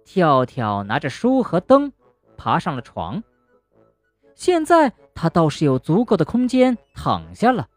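Woman storyteller, bedtime story, hugely varied melody, lowish voice, dry close sound. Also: unhurried, no room sound, faint music behind. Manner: gentle, expressive, addressing a child. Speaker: children's storyteller.

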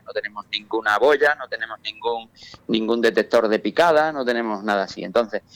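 A man's voice: medium pitch, fairly bright tone, clear, resonant tone, no echo. Middle-aged Spanish man on a phone line. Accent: Spain Spanish. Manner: halting, repeats words and restarts often. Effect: heard over a telephone line. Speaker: guest angler interviewed on a radio show. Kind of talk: casual phone interview.

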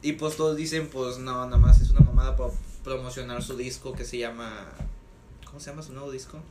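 A man's voice: medium pitch, steady tone, fairly quick. A young man, chatting in casual slang as a podcast co-host. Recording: roomy echo, faint noise, clicks.

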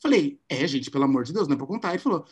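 A man, hosting a podcast and telling a story in a casual, animated way. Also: on the high side, rapid-fire, husky. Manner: animated, acts out quotes in shifting voices. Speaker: podcast host.

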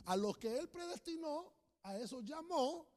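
A male pastor preaching a sermon in a church, with sudden loud emphasis and slow, drawn-out phrases. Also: extremely high pitch, expressive. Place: church, streamed online. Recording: echoey church hall.

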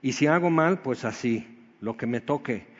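A man preaching a Sunday sermon in an animated way, swinging between loud exclamations and quiet low asides. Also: normal speed. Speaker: pastor. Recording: dull sound with long hall reverb.

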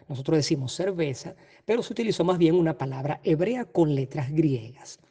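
A Bible teacher giving an explanatory lesson at a measured pace, often hesitating and correcting themselves. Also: medium pitch, dark tone, breathy edge. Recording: long reverb.

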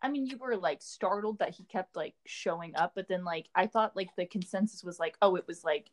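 A woman's voice: lowish voice, fairly quick. A young woman in casual chat among friends, teasing and hesitant with many fillers.

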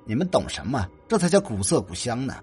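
A man voicing an excitable young woman who talks in an eager, gushing way. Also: medium pitch, brisk, faint music behind, natural voice.

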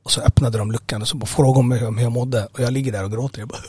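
A man's voice: medium pitch, fairly even intonation, darkish tone, husky, dry recording. A man giving a personal testimony in an interview, speaking hesitantly with many fillers and restarts. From Sweden. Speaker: interview guest.

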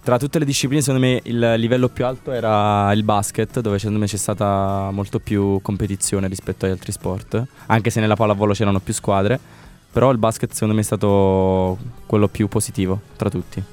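Low-voiced man giving sports results. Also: flat delivery, a little fast, a little mellow, faint music behind. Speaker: sports reporter co-host. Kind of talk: casual radio chat.

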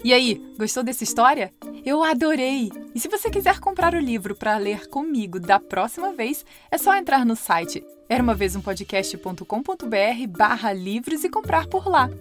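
A woman tells a children's story with a Brazilian Portuguese accent, her voice riding up and down with lots of expression. Soft music plays quietly behind her. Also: fairly high pitch, moderate pace. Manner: lively, expressive, warm-hearted. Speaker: storyteller, podcast host.

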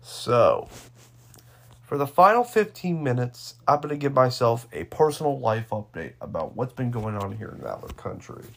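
A man's voice: mid-range voice, sing-song, normal speed, vocal fry, fairly bright tone. A man in his twenties hosting a solo podcast, rambling offhand with jokey asides. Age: 20s. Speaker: podcast host.

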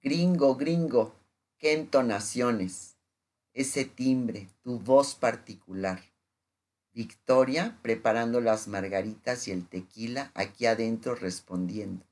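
A man giving a measured, intimate reading of sensual literary prose. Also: mid-range voice.

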